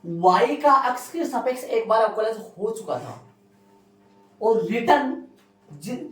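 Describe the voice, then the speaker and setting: A man's voice: sits high, animated, takes it slowly, recorded from a distance. A male maths teacher giving a classroom lecture, repeating key phrases and quizzing his students. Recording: roomy, from afar, faint music.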